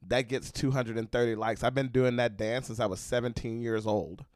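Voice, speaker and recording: A man's voice: medium pitch, steady tone, normal speed, no room sound, clean studio sound. A man hosting a podcast in casual chat, joking and rambling with many fillers. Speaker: podcast host.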